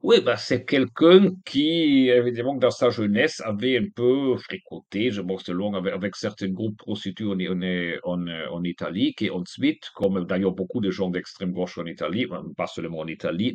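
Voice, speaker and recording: Male guest author, halting and repetitive delivery, lowish voice, close dry mic. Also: no echo. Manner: hesitant, restarts words often. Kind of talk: interview answers.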